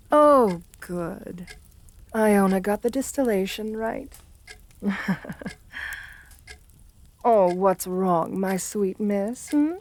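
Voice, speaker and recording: In this ASMR roleplay, a woman with a mid-range voice portrays a commanding, alluring and threatening noble countess. She talks softly, full of coaxing, patronizing endearments, with a sly, mock-tender mood.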